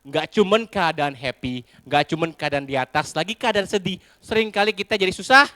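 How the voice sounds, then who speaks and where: A male pastor, giving a lively comic sermon in animated storytelling, calling out to the crowd. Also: a little high, brisk, dry recording. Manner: animated storytelling with a sing-song rise and fall and crowd call-outs.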